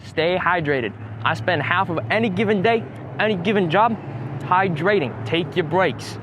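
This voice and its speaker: A young man plays a dopey construction worker with a high voice, rambling along in a halting, mock-serious way. Street traffic hums clearly behind him outdoors. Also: close to an everyday voice. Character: laid-back, dim male construction worker. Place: outdoor construction site by a road.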